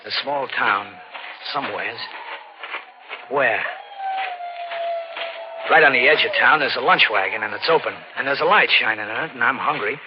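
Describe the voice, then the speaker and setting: This male actor, medium-pitched and only lightly acting, narrates in first person as a scared, guilt-stricken drifter with a record in a 1940s radio thriller. Haunted and weary, he speaks haltingly in street slang, anxious and repeating himself. It's a dull old radio recording, noisy, with dramatic music behind.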